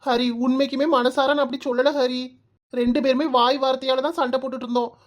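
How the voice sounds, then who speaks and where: A woman's voice: high voice, flat delivery, quick pace, lightly acted. A woman voicing a plaintive young cartoon wife with a Kanyakumari accent. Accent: Kanyakumari Tamil. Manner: apologetic, plaintive. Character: hurt young wife, daughter-in-law.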